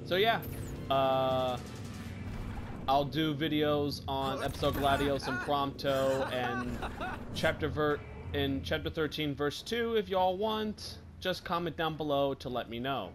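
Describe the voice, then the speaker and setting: A man's voice: medium pitch, slow pace, noisy background. A man giving rambling, casual gameplay commentary, apologetic and swearing a lot, with a cough. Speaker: gaming YouTuber.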